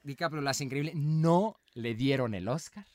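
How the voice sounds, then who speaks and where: A young man with a Mexican accent hosting a casual film chat, excitable and quick to laugh and swear. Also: mid-range voice. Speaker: podcast host. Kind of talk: casual chat about films.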